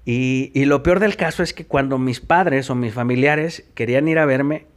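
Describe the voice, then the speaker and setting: A man's voice: mid-range voice, normal speed. Profane Mexican man telling his story. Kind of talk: personal testimony.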